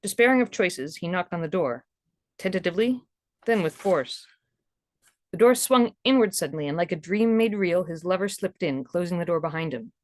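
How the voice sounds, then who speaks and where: Female audiobook narrator for historical romance, lower-pitched voice, close dry sound. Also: lively intonation, moderate pace, darkish tone, no room sound.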